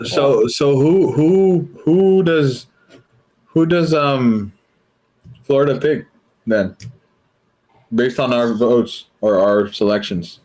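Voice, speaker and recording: A man's voice: medium pitch, slow, pauses often, warm tone, rough recording. A man co-hosting a sports podcast, often repeating words as he starts his thoughts. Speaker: podcast co-host. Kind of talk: casual sports chat.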